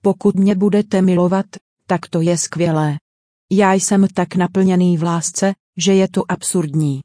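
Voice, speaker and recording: A woman's voice: lowish voice, steady tone, warm tone, no room sound, studio quality. A woman giving a dubbed sermon voice-over in an earnest, direct preaching manner.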